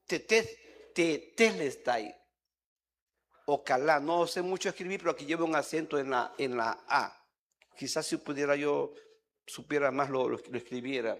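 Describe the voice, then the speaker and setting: Man, pastor, Mexican Spanish accent, sermon, slightly high pitch, conversational, repeats words. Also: normal speed, a bit bright.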